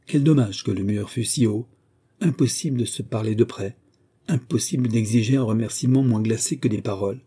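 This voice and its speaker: Dark, husky male audiobook narrator. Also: lowish voice, brisk. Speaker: audiobook reader. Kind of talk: scripted narration of a novel.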